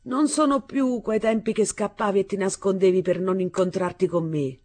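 A woman reading aloud voices a brash young husband who mocks and threatens his bride in loud bursts. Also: low-pitched, lively intonation, unhurried, slightly rough, heavily acted. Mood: menacing. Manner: mocking, menacing, loud bursts.

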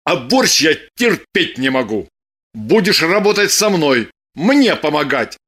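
A woman reading an audiobook voices a calm, firm man who teases his lover with dry mockery. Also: low voice, unhurried, slightly rough, heavily acted. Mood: coolly mocking. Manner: calm, firm, dryly mocking. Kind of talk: audiobook character voice.

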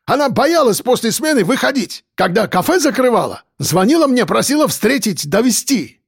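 A man voicing a hot-tempered middle-aged male cafe owner, loud and pleading. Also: very high voice, big pitch swings, normal speed, vocal fry, slightly rough, dry recording, clean studio sound, pitched above the performer's own voice, heavily acted. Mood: indignant.

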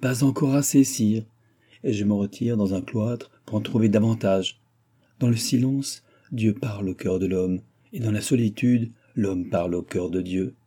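A man's voice: fairly low pitch, normal speed, dark tone, husky. A man reading the lines of a devout young princess in an audiobook, earnest and solemn. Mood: serene.

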